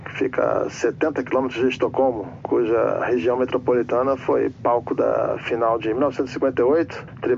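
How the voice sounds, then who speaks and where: A rambling pilot on the intercom. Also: male voice, mid-range voice, vocal fry, muffled recording, slight background noise. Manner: formal announcer tone drifting into endless trivia. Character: rambling male airline captain over the intercom. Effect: pilot speaking over the cabin intercom. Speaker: airline captain. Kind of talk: comedy sketch.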